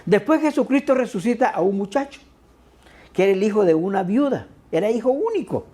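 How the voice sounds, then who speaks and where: A pastor with a mellow, darker tone preaches at a middle pitch. The delivery is chatty rather than formal, full of tag questions. Key words get repeated to drive a point home. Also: very animated, brisk. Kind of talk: sermon.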